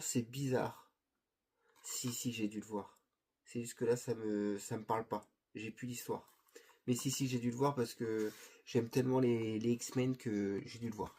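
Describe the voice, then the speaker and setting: A middle-aged man chats casually in a warm, mellow voice with a husky edge. He hesitates often, restarting his sentences and padding them with fillers. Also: medium pitch, steady tone, a little slow. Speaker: video host presenting his Blu-ray collection. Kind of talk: casual chat.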